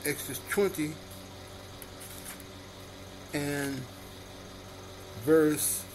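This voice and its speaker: A man preaching at an unhurried, measured pace, repeating each chapter and verse before reading it. His voice sits a little high for a man. A faint background noise runs under the recording. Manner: repeats each verse reference slowly and deliberately. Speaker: minister. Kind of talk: slow sermon-style scripture reading.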